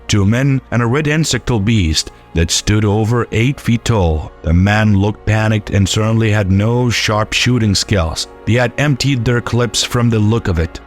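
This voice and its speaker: A man tells a first-person horror story in a low, measured voice. He keeps an even storytelling pace. Faint music runs under the narration.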